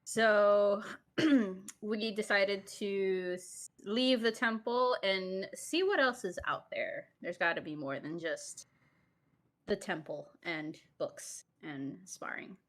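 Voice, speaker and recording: Woman player, mid-pitched voice, laughs easily, chatty. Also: slow. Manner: giggly, unsure of the game controls. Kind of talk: casual chat while gaming.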